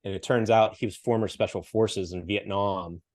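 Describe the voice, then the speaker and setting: Recorded clean in the studio with no room sound, a podcast guest who works as a coach and speaker tells a story at a moderate pace. He's a middle-aged Western Pennsylvanian with a lowish, slightly mellow voice and fairly even intonation, who laughs a lot and acts out the people he quotes.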